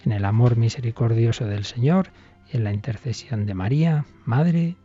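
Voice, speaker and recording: Man with a Spain Spanish accent, radio catechism presenter; deep, mellow, slightly husky tone, earnest and encouraging, dry lo-fi broadcast recording. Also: moderate pace, soft background music. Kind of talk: reading a listener's letter with spoken reflection.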